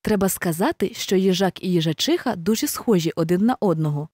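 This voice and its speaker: A woman reading a children's fairy tale aloud in an expressive, animated way. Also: fairly low pitch, brisk, no echo, studio quality. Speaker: storyteller. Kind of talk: storybook reading.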